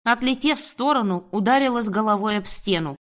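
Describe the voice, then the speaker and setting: A woman reading a first-person audiobook in a steady, measured manner. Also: a little high. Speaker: audiobook narrator. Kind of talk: first-person scripted narration.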